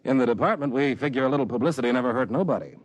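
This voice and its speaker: An actor playing a plain-spoken, streetwise homicide sergeant in a 1950s radio drama, matter-of-fact and folksy. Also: male voice, medium pitch, very fast, no room sound, natural voice.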